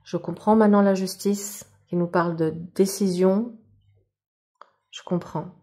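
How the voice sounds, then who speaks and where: A woman's voice: medium pitch, steady tone, unhurried, warm tone. A woman giving a monthly tarot reading that she addresses straight to the viewer. She talks casually and spiritually, and often breaks into wonder at the cards. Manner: enthusiastic, spiritual, exclaims in wonder; casual, speaks directly to the viewer. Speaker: tarot card reader.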